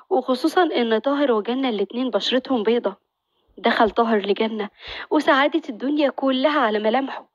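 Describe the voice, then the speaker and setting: A woman narrating a story in a brisk, expressive reading. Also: a little high, no room sound, lo-fi sound.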